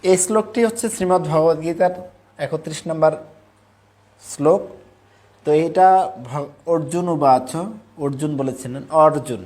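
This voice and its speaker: A man teaching the careful pronunciation of verses, breaking words into syllables and chanting them slowly. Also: on the high side, darkish tone. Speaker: Sanskrit recitation teacher. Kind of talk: recitation lesson.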